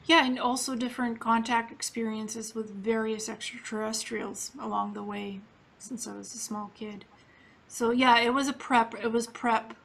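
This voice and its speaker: A woman's voice: a little high, steady tone, moderate pace, creaky, a bit bright. A woman from Ukraine interviewing a guest in a casual, earnest, matter-of-fact way.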